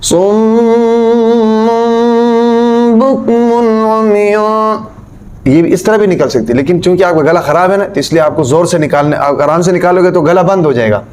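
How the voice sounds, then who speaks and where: A man's voice: a little high, quick pace, few pauses, a little mellow, faint music behind. Firm man correcting recitation. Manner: firm, corrective, demonstrates sounds by example; counts out mistakes, scolds about practice. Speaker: Quran recitation teacher.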